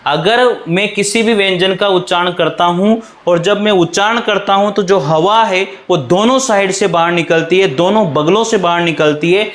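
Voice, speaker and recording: A man's voice: sits high, moderate pace, few pauses, a bit bright. A male teacher with a Rajasthani Hindi accent giving a grammar lecture, repeating each term and quizzing his listeners. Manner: addresses students as companions, reassuring. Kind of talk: classroom lecture.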